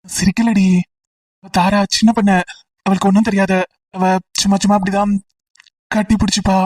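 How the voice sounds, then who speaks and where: A woman's voice: mid-range voice, little pitch movement, moderate pace, darkish tone, recorded from a distance, natural voice, low-quality recording. A woman voicing a teasing, persistent young male college student in an amateur audio drama, talking in a playful, coaxing way.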